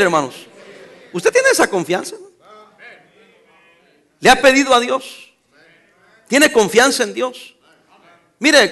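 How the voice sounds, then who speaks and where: A man preaches a sermon in a high, ringing voice. He drives his points home with call-and-response questions to his congregation. Now and then he breaks into teasing, scolding asides. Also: pushed and bright. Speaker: pastor.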